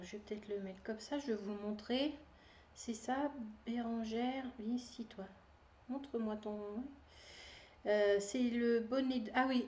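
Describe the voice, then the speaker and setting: A woman's voice: fairly high pitch, darkish tone. Chatty woman knitting vlogger, roomy echo. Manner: chatty, rambling, many fillers, laughs at herself. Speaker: knitting video podcaster. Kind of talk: casual chat to camera.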